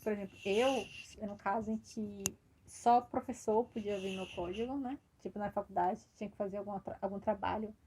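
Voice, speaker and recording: A woman's voice: medium pitch, dark tone, a little hiss or hum. A woman giving a casual, hesitant personal testimonial about organizing coding events, with an encouraging tone. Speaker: computer science student or graduate.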